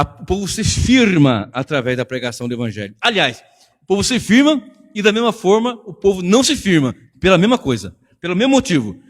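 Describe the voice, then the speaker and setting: A man pastor with a Brazilian Portuguese accent, preaching a sermon in a church in an emphatic, conversational way full of rhetorical questions. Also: a little high. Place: church hall. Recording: long church reverb.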